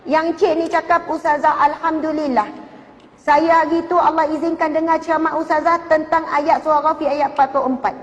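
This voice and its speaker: A woman's voice: high voice, level tone, fairly quick. A woman religious teacher with a Malaysian Malay accent, giving a sermon and earnestly retelling stories people told her. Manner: earnest storytelling, quoting others. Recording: dull, lo-fi with long hall reverb.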